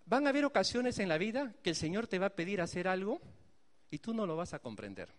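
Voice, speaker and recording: A male pastor delivers an emphatic sermon in a high, lively voice, speaking straight to his listeners. The voice rings out with a long echo in a hall. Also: quick pace. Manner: animated, emphatic, addresses the congregation directly.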